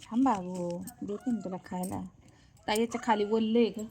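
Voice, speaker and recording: A woman's voice: mid-range voice, steady tone, moderate pace, darkish tone, a little hiss or hum. A woman talking to her pet at home in affectionate, coaxing baby talk, sometimes scolding it playfully. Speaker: pet owner.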